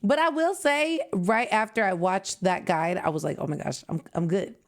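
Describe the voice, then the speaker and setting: A Canadian woman in her twenties hosts a reaction video, chatting in a casual, animated way at a normal speed. Her voice swoops high and drops low.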